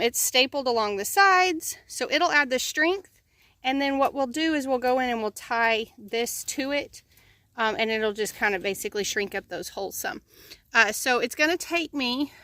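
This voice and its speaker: A woman's voice: a little high, pushed and bright, no room sound. A woman vlogging outdoors at her chicken pen, explaining the work in a casual, chatty way with plenty of ums and uhs. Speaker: homesteading vlogger.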